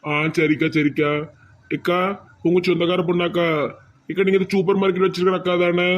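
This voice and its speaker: Male voice artist, Tirunelveli accent, monotone and weary, for a village cartoon. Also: high voice, fairly quick. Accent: Tirunelveli Tamil. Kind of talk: animated village comedy dialogue.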